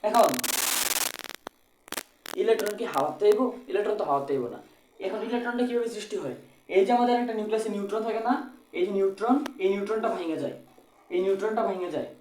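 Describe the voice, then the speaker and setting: A man's voice: high-pitched, quick pace, pauses often, a little mellow. A male tutor with a colloquial Bangladeshi Bengali accent races through an exam-prep physics lesson, repeating each point and firing questions he answers himself. His voice sits in the middle range and rings in an echoey room. A faint hiss runs behind him. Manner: repeats phrases, asks and answers own questions.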